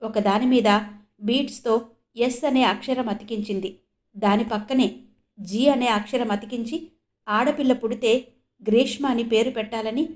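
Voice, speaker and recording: A woman's voice: a little high, darkish tone, lightly acted. A woman narrator voicing an emotional, earnest middle-aged father who asks urgent, pleading questions.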